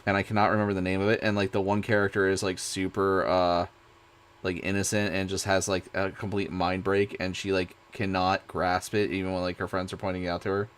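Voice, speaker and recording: Rambling young male streamer, low voice. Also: a little fast, clear, resonant tone. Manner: rambling, excitable, many fillers and restarts. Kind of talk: casual chat.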